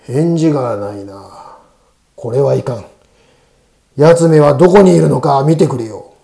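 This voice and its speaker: Guy doing a menacing dead samurai in a ghost story, rough and bossy, really dark gruff voice. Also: animated, unhurried. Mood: muttering. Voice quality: gruff, booming voice. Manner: rough, commanding, archaic speech.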